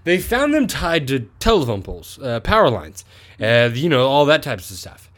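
A man's voice: mid-range voice, huge pitch swings, normal speed, fairly bright tone. A man co-hosting a podcast in casual comedic chat, rambling and profane, often correcting himself. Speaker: podcast co-host.

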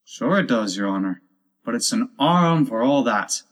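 A man's voice: mid-range voice, lively intonation, normal speed, lightly acted. A man voicing a plodding, deferential storybook servant. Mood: humble, stubborn. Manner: deferential, simple. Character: humble, plodding Irish servant Pat.

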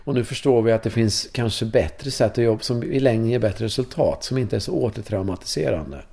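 A man in his fifties from Sweden, a course leader telling personal stories in an interview in a casual, animated way. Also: lowish voice, gravelly, slightly rough. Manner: animated, casual, swears, tag questions. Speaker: course leader in sexuality and breathwork.

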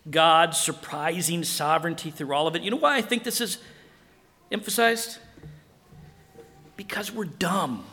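A man preaching a sermon as pastor in an animated way, acting out dialogue. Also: a little high, unhurried, pauses often, big-room sound, a little hiss or hum.

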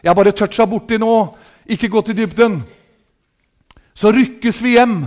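Man, Østfold accent, high voice, revival preacher, fervent, loud hallelujahs then quiet asides. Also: fairly even intonation. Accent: Østfold Norwegian. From southern Norway. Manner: fervent, shouting hallelujahs, swings from loud to soft. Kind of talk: revival sermon. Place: meeting hall with a congregation.

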